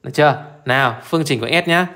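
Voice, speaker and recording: A male math teacher talks through exam questions in a brisk, informal way. He keeps stopping to ask his listeners whether they follow, repeating short prompts again and again. His voice sits in an ordinary middle register. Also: medium pitch, fairly bright tone. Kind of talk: live exam solution walkthrough.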